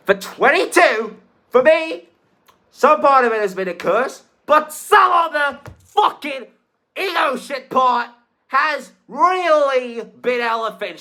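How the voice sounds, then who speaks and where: A vlogger in their twenties rants in a hard, bright voice at an unhurried, slow pace. The delivery is profane and emphatic, with repeated phrases for stress. It moves between subdued talk and shouted outbursts in an angry comedic monologue. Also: mid-range voice. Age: 20s. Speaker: ranting vlogger.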